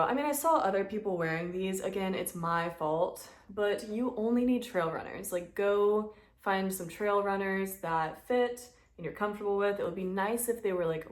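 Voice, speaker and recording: Young woman, casual phone vlogger, chatty and playful, big-sister advice tone. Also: fairly low pitch. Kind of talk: casual chat to camera. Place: at home indoors.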